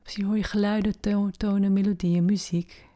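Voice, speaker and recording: This is a woman's guided meditation, delivered gently and unhurriedly with long silences between phrases. Her soft mid-range voice barely moves in pitch and often fades to a breathy near-whisper.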